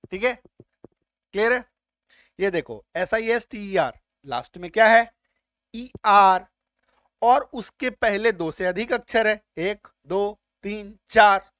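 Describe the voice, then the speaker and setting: A man's voice: high voice, fairly bright tone, dry recording, clean studio sound. A male teacher giving a spelling lesson. He spells words letter by letter, sounds them out again and again, and keeps asking whether his students follow. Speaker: English teacher. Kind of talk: classroom-style spelling lesson.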